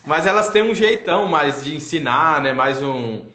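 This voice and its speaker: Hosting a language-learning livestream, a native Portuguese speaker with a Brazilian accent chats casually and tells anecdotes in colloquial speech over an indoor online live video call. His voice is a little high, animated and sharp, at a measured pace, with roomy sound.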